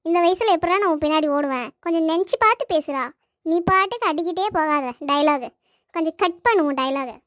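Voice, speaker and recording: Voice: extremely high pitch, fairly quick, fairly bright tone, no echo, clean studio sound. A performer voicing a grumpy, sarcastic grandmother in a family comedy cartoon, scolding and brushing off her grandson. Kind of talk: family comedy skit dialogue.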